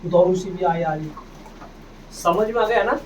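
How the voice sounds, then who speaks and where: A man's voice: high-pitched, a little slow, a little mellow. Male English teacher drilling a class. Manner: drills words by repeating them and asking the class; calls students "beta". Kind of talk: classroom phonics lesson. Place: classroom with students. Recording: distant, dull, noisy classroom recording.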